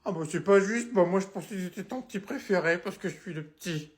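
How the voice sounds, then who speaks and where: A man's voice: sits high, fast, pitched above the performer's own voice, close to an everyday voice. A man voicing a sulky little boy who is the youngest brother and pleads and complains. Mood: sulking.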